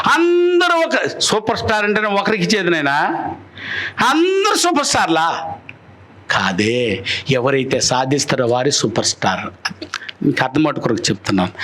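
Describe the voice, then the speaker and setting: A man preaching a sermon as pastor in a church, asking his listeners question after question. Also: a bit bright. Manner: preaching with rhetorical questions and swings in pitch.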